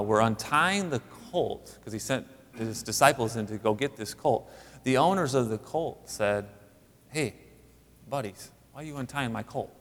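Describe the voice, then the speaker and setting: A man preaching a sermon in a conversational way, with frequent rhetorical questions and sudden rises in pitch for emphasis. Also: in a large hall. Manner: conversational, animated, rising emphatic asides. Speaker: pastor.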